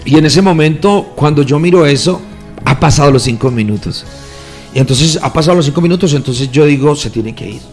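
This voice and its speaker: A man's voice: on the high side, brisk, a little mellow, soft background music. A man, a pastor, tells a testimony with feeling in an interview, acting out the voices he quotes. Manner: earnest storytelling, quoting voices with feeling.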